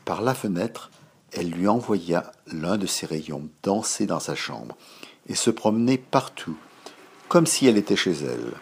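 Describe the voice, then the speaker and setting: A man softly reading a children's bedtime story, slow and hushed at times. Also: deep voice, big pitch swings, creaky, slight background noise.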